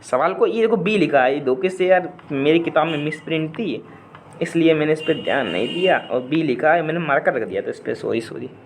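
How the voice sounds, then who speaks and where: A man's voice: on the high side, lively intonation, a little fast, slight background noise. A man tutoring physics in a video lesson, talking through worked problems in a chatty, repetitive way and addressing viewers directly. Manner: chatty, repeats points, asks viewers to comment, hums a song line at times.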